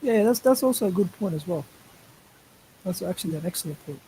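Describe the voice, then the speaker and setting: A man's voice: sits high, lively intonation, brisk, warm tone, a little hiss or hum, low-quality recording. A man speaking as a guest on a casual online panel, stumbling over his starts and repeating words before making his point firmly. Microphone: voice call over a live stream.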